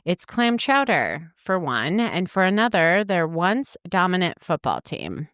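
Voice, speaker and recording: A woman podcast co-host reading a dramatic true-crime introduction, building suspense with pauses. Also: fairly low pitch, very animated, fairly bright tone, clean tone, no echo, clean studio sound. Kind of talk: scripted true-crime narration with banter.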